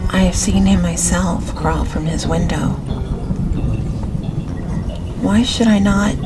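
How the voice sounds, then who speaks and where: Reading a gothic novel as an audiobook narrator, a woman with a slightly low voice delivers each phrase gently and very slowly, in a measured, unhurried way. Prominent music and ambience sit beneath her voice.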